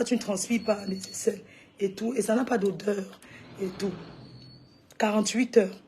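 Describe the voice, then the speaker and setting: High-voiced Cameroonian woman streaming live. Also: breathy edge. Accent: Cameroonian French. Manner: animated, exclamatory, keeps calling out "maman". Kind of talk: casual livestream chat with viewers.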